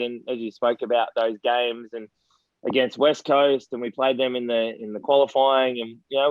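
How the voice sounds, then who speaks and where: A man's voice: medium pitch, no room sound, narrow, tinny audio. An Australian man in his forties, a former footballer telling rambling anecdotes in a casual podcast interview, often laughing as he talks.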